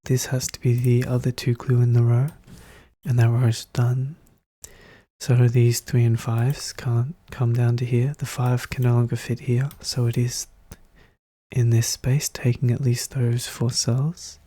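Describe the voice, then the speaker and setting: A hushed, soft-spoken, breathy voice, often whispering, calmly and methodically thinking aloud in an ASMR puzzle walkthrough. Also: medium pitch, unhurried, no room sound. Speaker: puzzle solver narrating own play.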